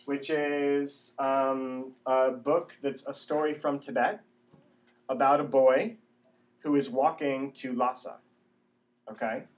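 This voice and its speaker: A man's voice: medium pitch, steady tone, takes it slowly. A man teaching an English pronunciation class, speaking instructionally, repeating sounds and often checking understanding with a short tag question. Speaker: ESL teacher. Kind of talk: classroom phonics lesson, slow drilling. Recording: echoey room, distant mic, background noise.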